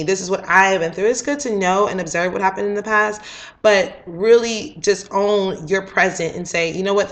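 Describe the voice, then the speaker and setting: A woman's voice: lowish voice, a bit bright. A woman in her late twenties giving a casual spiritual astrology talk, often checking in with her listeners by asking "okay?". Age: late 20s. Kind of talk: casual spoken teaching monologue.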